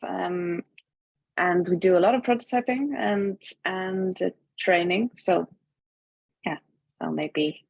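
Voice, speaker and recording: An Icelandic woman with a gravelly, fry-tinged voice introduces herself on a video call. Her sound is dry and close. She talks hesitantly, with small fillers along the way. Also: fairly low pitch, no echo. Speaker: fab lab director.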